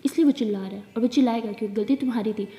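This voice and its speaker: A woman's voice: fairly high pitch, racing, warm tone, lo-fi sound, lightly acted. A woman voicing a rich, haughty young woman who speaks coldly and condescendingly. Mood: dismissive. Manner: cold and condescending. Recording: echoey room with long reverb.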